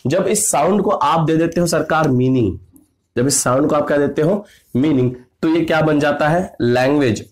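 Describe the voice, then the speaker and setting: A male teacher giving an exam-prep grammar lesson, lively, asking questions and answering them himself, calling his students "sarkar". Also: fairly high pitch. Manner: acts out classroom anecdotes.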